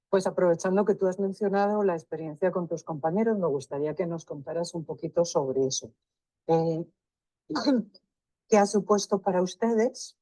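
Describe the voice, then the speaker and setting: Low, dark-voiced woman interviewer. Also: no echo, low-quality recording. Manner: measured, rephrases questions at length. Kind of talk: research interview.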